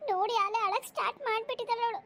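A woman voicing a gentle young wife in a cartoon, softly consoling her husband. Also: very high voice, steady tone, rapid-fire. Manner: soft, consoling. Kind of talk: cartoon voice acting.

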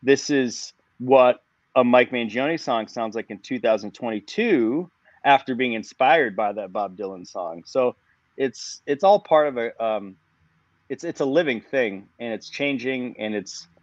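A man's voice: mid-range voice, unhurried, no room sound. Reflective musician in his forties, dull lo-fi sound. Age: 40s. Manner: reflective, rambling with restarts. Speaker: musician guest. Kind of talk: casual podcast conversation.

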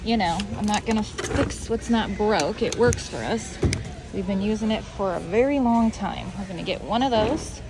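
Walking through a big indoor warehouse store, a woman who vlogs family shopping trips keeps up a relaxed, chatty commentary and muses aloud. Her pitch is medium and her pace moderate. Music plays, and the store's background noise is clearly audible.

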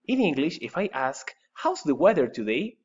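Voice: medium pitch, very animated, measured pace, breathy edge, lo-fi sound. An English teacher from Chile with a Chilean Spanish accent, patiently drilling words and switching between Spanish and English in a recorded lesson. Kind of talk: remote classroom lesson.

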